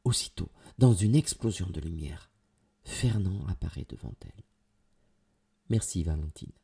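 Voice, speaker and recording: A man narrating a children's story with an expressive, dramatic delivery. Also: low voice, moderate pace, creaky, husky.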